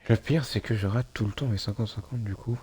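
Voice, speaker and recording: A man's voice: fairly low pitch, brisk, darkish tone, breathy edge, faint music behind. A man streaming a video game, muttering to himself in a hesitant, casual way and chatting with his viewers. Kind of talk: casual gameplay live-stream commentary.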